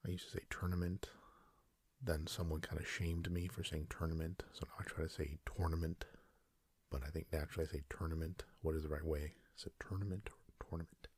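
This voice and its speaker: A man with an extremely low, husky voice talks in a sleepy, unhurried ASMR ramble. His delivery is soft and hesitant, drifting toward a whisper. The sound is very dry, with no room around the voice. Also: monotone, no echo. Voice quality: breathy, husky, slipping into whisper. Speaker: sleep podcast host.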